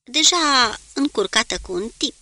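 A man's voice: very high-pitched, animated, bright, forceful tone, no echo, voice pushed up, full character voice. A woman reading a nervous young male ship's machinist who speaks in hesitant, broken-off sentences. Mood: halting, anxious.

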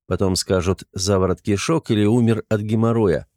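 A man's voice: on the low side, fairly even intonation, moderate pace, darkish tone, no room sound, lightly acted. A man voicing a sardonic, stern young male hero who gives dry commands.

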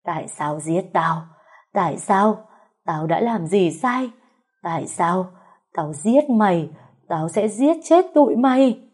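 A vengeful female ghost in a spoken horror story, as a woman narrator puts her on, screaming with ferocious rage. Her voice has a dark, mellow tone with a husky rasp. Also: medium pitch, animated, slow. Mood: furious.

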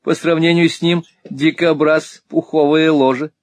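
A man's voice: a little high, little pitch movement, unhurried, no room sound, voice pushed up, lightly acted. A man reading an audiobook, voicing a chatty, shrewd middle-aged spinster painter who gossips and exclaims.

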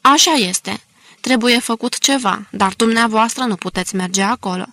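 A woman's voice: fairly high pitch, bright, forceful tone, no room sound. Woman reading as a firm, commanding local man.

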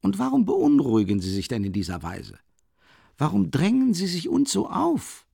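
An actor playing a sly, jovial middle-aged investigator who teases and needles with questions. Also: male voice, high voice, huge pitch swings, moderate pace, creaky, mellow, slightly rough, no echo, studio quality, pitched above the performer's own voice, heavily acted. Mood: mocking.

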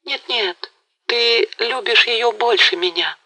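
A tearful young girl , as a woman reader puts her on, pleads with her beloved in a broken, breathless voice, slow and drawn out. The tone is husky with a gravelly edge. It is a character voice in a read audiobook. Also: on the high side, pushed and bright, pitched above the performer's own voice, exaggerated voice, poor audio. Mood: pleading.

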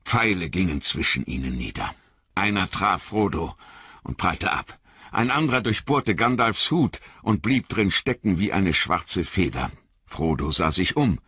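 A man reading a fantasy novel aloud as an audiobook narrator, in a measured, dramatic way. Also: sits low, very animated, fairly bright tone, breathy edge, no room sound, highs cut off.

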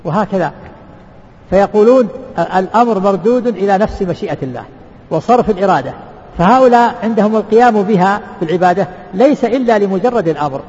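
Sheikh lecturing, very fast, dull muffled recording in a mosque hall with long echo. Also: male voice, high-pitched, expressive, a little mellow. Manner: asks rhetorical questions and answers them, repeats words. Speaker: sheikh teaching a book. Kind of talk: lecture explaining a religious text. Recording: reverberant hall, dull lo-fi sound.

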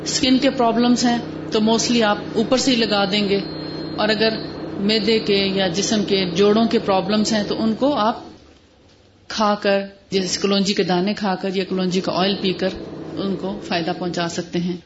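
A woman's voice: mid-range voice, little pitch movement. A woman giving an explanatory lecture on herbal remedies, mixing many English words into her speech and listing terms one by one. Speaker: lecturer on prophetic medicine. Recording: dull lo-fi recording with faint hiss.

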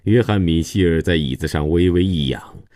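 Male radio storyteller, very deep, dry close mic. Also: a little fast, warm tone, dry recording. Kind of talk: scripted story narration.

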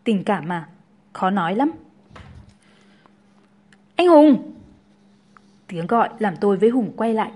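A woman's voice: mid-range voice, a little fast, a little mellow. A woman narrating a first-person family drama story in a plain, conversational way.

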